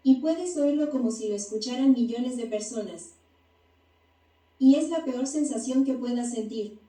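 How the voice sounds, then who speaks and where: A woman narrates a first-person testimony in an even, read-aloud voice-over. Her tone is deeply mellow and a little high. She sounds set back from the mic in an echoey space. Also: moderate pace, distant mic. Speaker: narrator of a near-death testimony.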